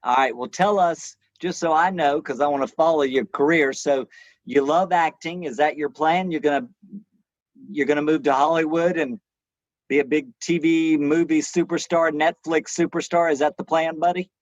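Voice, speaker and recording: A man's voice: a little high, fairly even intonation, normal speed, no echo, highs cut off. A man hosting a casual interview show, upbeat and jokey, now and then putting on a mock news-anchor tone.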